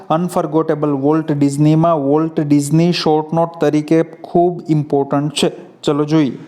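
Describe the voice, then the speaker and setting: A man's voice: a little high, dark tone. A male teacher explaining English vocabulary from a textbook, asking his own questions and answering them.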